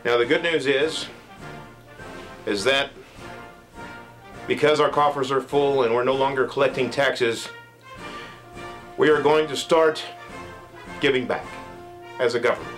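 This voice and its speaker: A man's voice: medium pitch, unhurried, pauses often, fairly bright tone, soft background music, pitched above the performer's own voice, close to an everyday voice, low-quality recording. A man playing a grandiose male president giving a televised address, in a solemn, sweeping speech-making manner.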